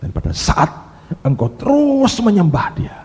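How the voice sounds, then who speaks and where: Male pastor, lively sermon delivery, long hall reverb. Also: high voice, measured pace. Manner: animated preacher with sudden exclaimed cries.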